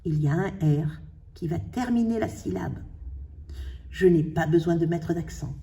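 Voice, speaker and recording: A woman teaching a spelling lesson, slowly sounding out syllables and letters for her pupils. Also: fairly low pitch, dark tone, recorded from a distance. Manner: slow, carefully sounding out syllables.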